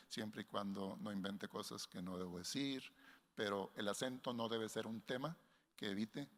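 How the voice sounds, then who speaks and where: A man giving a workshop lecture to researchers in a measured way, often restarting phrases and linking ideas with "entonces". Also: on the low side, a bit bright. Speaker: workshop instructor. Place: conference hall. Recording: long hall reverb.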